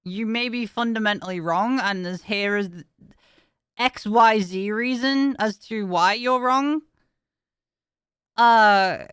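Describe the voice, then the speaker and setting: A woman's voice: fairly high pitch, fairly bright tone, smooth, no room sound, clean studio sound. A woman streamer chatting casually with viewers, tired and in pain, talking frankly and swearing now and then.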